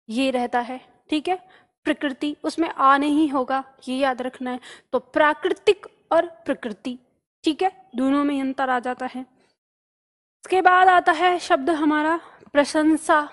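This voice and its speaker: A woman teaching a spelling lesson, patiently drawing words out slowly and checking in often with her students. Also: high-pitched, long reverb tail. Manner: instructive, stretches words out slowly when spelling them. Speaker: Hindi teacher.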